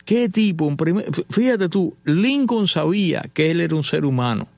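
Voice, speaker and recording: Gravelly animated Cuban-born storyteller man. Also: a little high, normal speed, dry recording. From Cuba. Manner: animated storyteller, acts out dialogue. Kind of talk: casual storytelling monologue.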